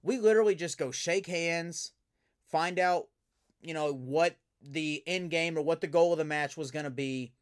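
Higher-voiced man telling a wrestling story. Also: normal speed, clean tone. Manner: animated storyteller, many fillers and restarts. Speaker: podcast guest, professional wrestler. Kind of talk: casual interview storytelling.

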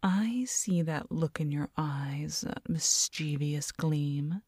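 Woman in a slow whispered role-play, right in your ear. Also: low voice, darkish tone, slightly rough, no room sound, clean studio sound, heavily acted. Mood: tender, inviting. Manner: slow, tender, coaxing. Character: doting, teasing, nurturing girlfriend soothing her partner. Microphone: very close binaural microphone.

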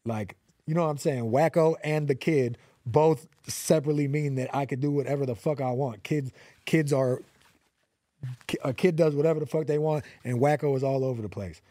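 Brief: mid-twenties male rapper from LA, warm mellow tone, dry close mic, slangy and earnest. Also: a little high, a little fast, dry recording. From Los Angeles. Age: 20s. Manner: slangy, repeats fillers, earnest. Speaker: rapper guest. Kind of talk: casual interview.

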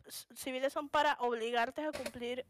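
High-voiced Venezuelan woman chatting. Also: steady tone, normal speed. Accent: Venezuelan, Punto Fijo. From Venezuela, Punto Fijo. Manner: chatty, slangy, laughs often. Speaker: podcast co-host. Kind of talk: casual chat.

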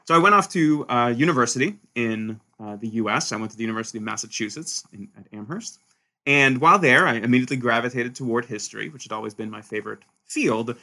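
Bright-voiced animated male historian. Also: medium pitch, fast talker. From Sweden. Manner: animated, frequent restarts and "right?" tags. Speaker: historian, author guest. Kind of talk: conversational interview answers.

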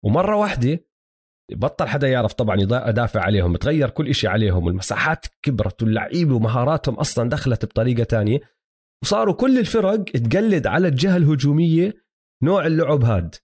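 A man's voice: medium pitch, big pitch swings, fast talker, a little mellow, breathy edge. A man with a Palestinian-Jordanian Levantine Arabic accent chatting casually as a sports co-host, explaining his points and mixing in English basketball terms. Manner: explanatory, checks listener follows, mixes in English basketball terms. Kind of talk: casual sports analysis chat.

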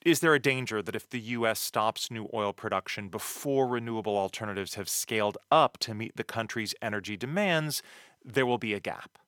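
Bright, crisp-edged American male news host. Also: lowish voice, brisk, no room sound, clean studio sound. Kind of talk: news interview questioning.

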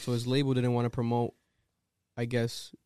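Boisterous man, smooth dry voice. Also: mid-range voice, completely flat delivery, moderate pace, mellow, dry recording. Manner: joking, boisterous banter. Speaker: podcast co-host. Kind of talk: casual chat.

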